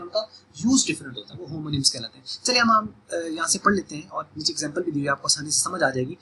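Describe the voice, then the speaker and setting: A man gives a recorded classroom lecture, walking through definitions and repeating key points with frequent fillers. His voice sits high and sounds bright. A faint hiss of noise runs under the recording. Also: poor audio. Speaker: teacher.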